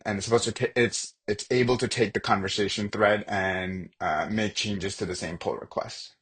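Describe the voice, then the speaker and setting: A man with a somewhat low, husky voice walks through a software demo on his screen. His delivery is relaxed and conversational, as if he is thinking aloud while clicking through each step. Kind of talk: casual screen-share product demo.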